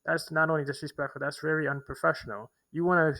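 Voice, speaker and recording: Poor audio captures a young male vlogger in a big-city homeless shelter, rambling through a long personal story for the camera with frequent restarts, fillers and repeated words. His voice sits on the high side, level yet bright and forceful, and he talks quickly.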